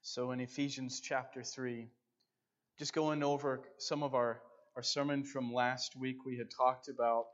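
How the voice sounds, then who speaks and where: A man's voice: mid-range voice, level tone, unhurried, highs cut off. A male pastor at a pulpit microphone, leading a fervent prayer with repeated praise before his sermon.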